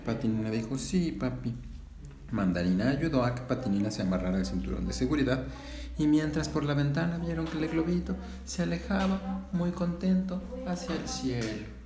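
A man's voice: a little fast, crowd noise. Man telling a kids' story in an echoey room. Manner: animated, high voices for child characters. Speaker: father telling a bedtime-style story. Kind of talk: improvised children's story with voices.

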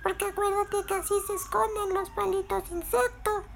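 A woman voicing a male friend with a very strange, thin, high and quiet voice. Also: flat delivery, moderate pace, creaky, slight background noise. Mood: eerie.

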